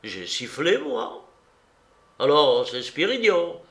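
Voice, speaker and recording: A man's voice: huge pitch swings, slow pace, creaky, a bit bright, heavily acted. A man putting on a timid, bleating young man. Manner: stammering, high and plaintive. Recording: roomy echo.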